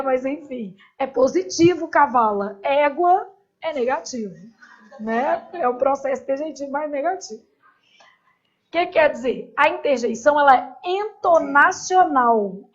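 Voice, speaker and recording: A woman's voice: high voice, dull audio. A woman teaching a grammar class in a casual, chatty way, with joking asides and constant "né?" tags.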